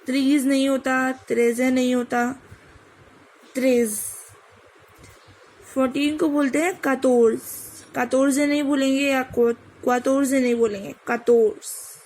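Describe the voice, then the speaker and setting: Slow high-voiced teacher woman. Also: fairly even intonation, a little mellow, rough recording. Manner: spells out pronunciations slowly, mixing Hindi with English. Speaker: French teacher. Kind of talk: online language lesson.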